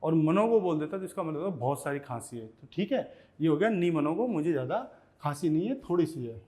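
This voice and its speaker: A man teaching Russian vocabulary in Hindi, repeating each word slowly and checking in with "okay" as he goes. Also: on the high side, big pitch swings, darkish tone. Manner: repeats words slowly, often says "ठीक है". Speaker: language teacher.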